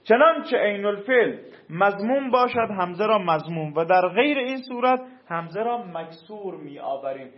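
A man's voice: sits high, expressive. A man teaching a grammar class. He reads a rule aloud, then explains it in casual speech and puts questions to his students. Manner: asks the class questions and answers them. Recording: echoey room, dull lo-fi sound.

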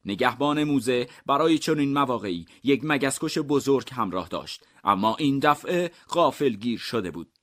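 A man narrating comic mystery stories in a deadpan, even storytelling manner. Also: mid-range voice, hardly any pauses.

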